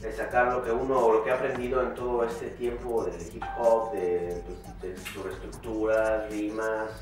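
With a lowish voice at a measured pace, a guest rapper born in Chicago and raised in Mexico City talks casually in an interview, slangy and relaxed, with many fillers and restarts. A distant camera mic captures him in an echoey small home recording studio.

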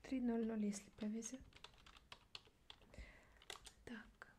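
A young woman in a barely audible ASMR role-play as a gruff, disdainful border guard, muttering sardonically. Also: a little high, steady tone, slow, slight background noise. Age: young adult. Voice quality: soft soft voice, mostly unvoiced, barely audible. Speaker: ASMR performer playing a border officer. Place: small dark indoor studio setup.

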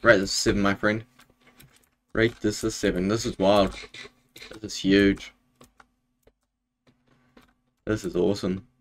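A young man streams Minecraft from a room in his home, chatting casually with viewers in a laid-back way full of fillers. His voice is on the low side, at a normal speed, with little movement in pitch.

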